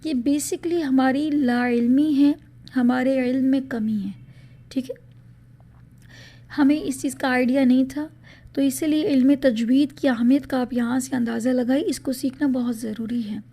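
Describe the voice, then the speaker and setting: A woman teaching Quran recitation rules in a podcast lesson, explaining patiently and reciting example words slowly, mixing English words into her talk. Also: sits high, fairly even intonation, dark tone. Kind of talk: spoken tajweed lesson in a podcast.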